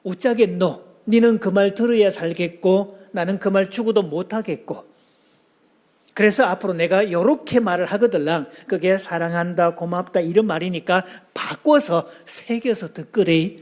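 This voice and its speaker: A man voicing a blunt, tight-lipped husband from Busan, speaking with a Gyeongsang accent in a gruff, plain way. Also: sits high, normal speed, darkish tone, lightly acted. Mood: stubborn. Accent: Gyeongsang Korean. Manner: gruff, plain-spoken dialect.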